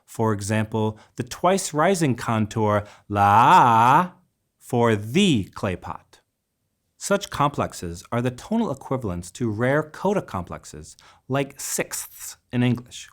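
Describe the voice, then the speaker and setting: A man narrating a scripted linguistics lesson, carefully pronouncing example words in a measured way. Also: lowish voice, very animated. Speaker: lecturer.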